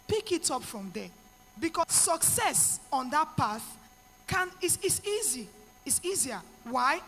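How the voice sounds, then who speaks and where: A woman's voice: high voice, fairly bright tone, long reverb tail, slight background noise. A middle-aged woman with a Nigerian accent, giving an earnest motivational talk to women with pidgin asides. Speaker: speaker to women.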